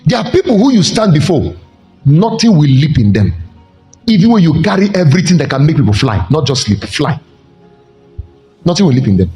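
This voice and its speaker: Male pastor, lively preaching voice, big pitch leaps, echoey hall with faint music behind. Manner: animated preaching with sudden pitch jumps and slow emphatic stretches. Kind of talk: sermon.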